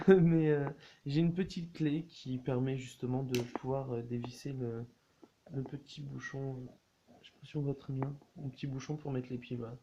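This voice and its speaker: A man casually showing his collection in a vlog, halting often with fillers and restarts. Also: medium pitch, fairly even intonation, dull audio, background noise. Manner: hesitant, many fillers and restarts.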